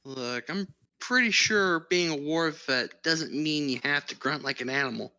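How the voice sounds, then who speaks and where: A player in casual tabletop game chat who thinks aloud and muses through choices. The delivery is slow and unhurried. The tone is bright and sharp. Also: medium pitch.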